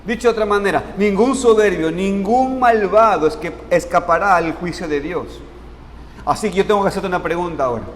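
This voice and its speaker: A man with a high voice preaching a sermon in a church sanctuary, heard with a long reverb and a faint hiss. He asks the congregation questions and answers them himself, slowing down to stress the key words. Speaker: pastor.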